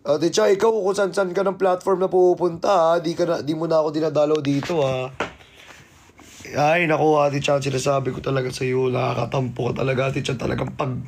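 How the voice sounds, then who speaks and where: A man's voice: fairly high pitch, little pitch movement, a little fast, darkish tone, a little hiss or hum. A man hosting a casual live stream, greeting viewers by name and teasing them playfully. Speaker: livestreamer.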